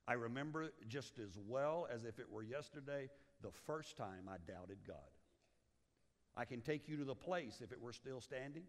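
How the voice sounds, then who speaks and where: A man from Liberia preaching a sermon as pastor, swinging from loud urgency down to hushed, low lines. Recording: long hall reverb.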